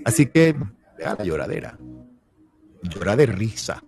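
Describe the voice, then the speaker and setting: Man, Venezuelan accent, motivational talk, animated swooping pitch, unhurried delivery. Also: gravelly. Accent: Venezuelan Spanish. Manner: playful, acts out little quoted voices. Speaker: actor and motivational speaker.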